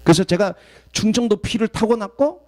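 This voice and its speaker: A man from southeastern Korea, a guest pastor preaching a sermon and telling stories in an animated way. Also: sits high, moderate pace. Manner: animated storytelling, acts out quoted voices.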